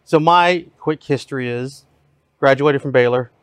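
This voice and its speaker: A man in his forties from Texas, a real estate team leader telling his story in a casual podcast conversation in a steady, matter-of-fact way. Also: medium pitch, measured pace, clean tone, no echo. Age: 40s.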